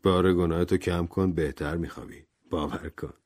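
A man's voice: sits low, steady tone, darkish tone. A man voicing a cocky, sardonic adventurer who talks in a mocking, provocative way.

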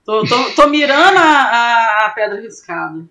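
A young woman from Brazil telling an animated story in a casual interview, laughing often and acting out what people said. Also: fairly high pitch, unhurried. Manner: animated, laughs often, acts out quoted voices. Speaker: climber guest.

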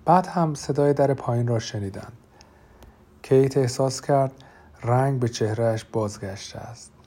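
Guy reading an audiobook, dark husky voice, measured and dramatic. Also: mid-range voice. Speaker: audiobook narrator. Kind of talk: audiobook narration.

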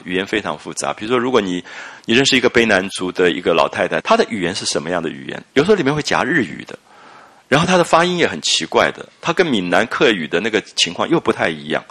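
A deep-voiced older man gives a lecture on a classic novel. His very low voice swings up and down in lively sweeps. He speaks in a reflective way, stretching out soft "ah" fillers between his thoughts. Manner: reflective, with many drawn-out "啊" fillers. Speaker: literature lecturer.

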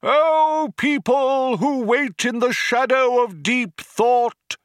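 A man's voice: very high voice, takes it slowly, smooth, no echo, studio quality, voice pushed up. A man voicing a fervent male orator who cries out grand proclamations to an ecstatic crowd. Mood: rapturous proclaiming. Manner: grand, declaiming, rising to a cry.

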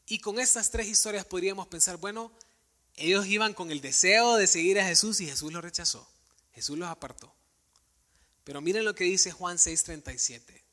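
A male preacher delivers an earnest sermon, putting searching questions straight to his congregation. His voice sits a touch high and rings bright and sharp. The sound carries a long reverb, as from a big church sanctuary. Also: moderate pace, pauses often.

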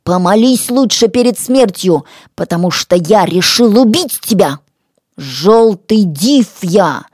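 A woman's voice: medium pitch, lively intonation, moderate pace, few pauses, darkish tone, no room sound, studio quality, natural voice. A woman voicing a bold village boy who bosses people around while pretending to be a demon. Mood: commanding. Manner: commanding, gruff.

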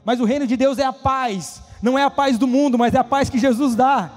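A man preaching a casual youth sermon, animated and slangy, often acting out quoted voices. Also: extremely high pitch, brisk, big-room sound, soft background music.

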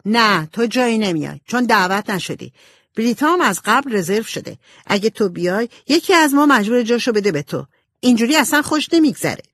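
A headstrong teenage storybook girl who talks bluntly and sharply, acted by a woman reader. Her voice is raised and a little husky, recorded dry and close. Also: on the high side, sing-song, a bit bright, dry recording, voice pushed up, full character voice. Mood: firm.

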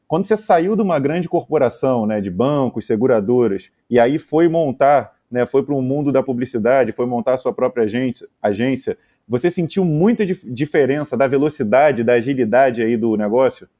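A man's voice: medium pitch, lively intonation, moderate pace, few pauses, dark tone. A man hosting an interview, asking questions in a friendly, conversational way. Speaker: interviewer, host.

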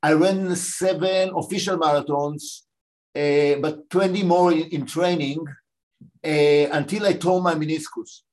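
An older man from Israel, a guest answering interview questions in a measured, pausing way. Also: on the high side, steady tone, darkish tone.

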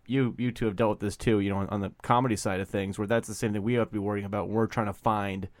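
A man's voice: on the low side, steady tone, fast, no echo, studio quality. A man co-hosting a comedy podcast, asking probing questions with a joking edge in casual chat. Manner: probing, jokey interviewer. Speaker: podcast co-host.

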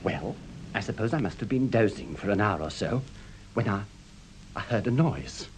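An actor playing a nervous, fussy gentleman in an old radio drama, talking in a fretful, melodramatic way. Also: lowish voice, animated, moderate pace, natural voice. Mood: frightened. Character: nervous fussy gentleman, shaken after an attack. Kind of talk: 1950s radio drama acting. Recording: old radio play with faint hiss.

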